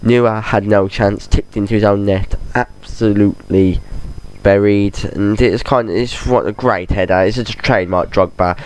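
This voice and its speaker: This gaming channel host has a cold, yet his low, darkish voice stays smooth, with fairly even intonation and normal speed. He rambles casually about football while game footage plays, restarting sentences often.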